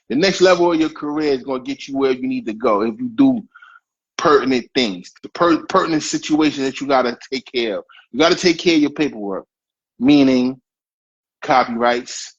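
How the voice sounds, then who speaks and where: A man's voice: mid-range voice, breathy edge. A man hosting a casual talk, emphatic and repeating his points as he gives advice. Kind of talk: casual podcast chat. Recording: dull lo-fi stream audio.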